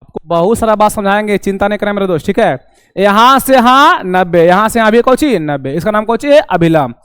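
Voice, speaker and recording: A young man teaching an online class, animated and acting out his students' questions. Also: high-pitched, brisk, smooth, no room sound, clean studio sound.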